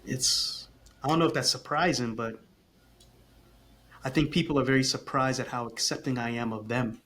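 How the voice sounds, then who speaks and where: Guesting on a casual podcast, a man who works as a communication coach for parents speaks at normal speed in a fairly bright, medium-pitched voice with fairly even intonation. He's earnest and expressive, frequently repeating a phrase as he works out what to say.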